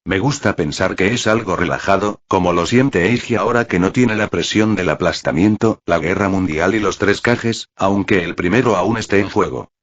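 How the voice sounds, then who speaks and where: Low, husky male storyteller. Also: normal speed, few pauses. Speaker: fanfic reader and narrator. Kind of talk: first-person story reading. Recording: dry, slightly muffled recording.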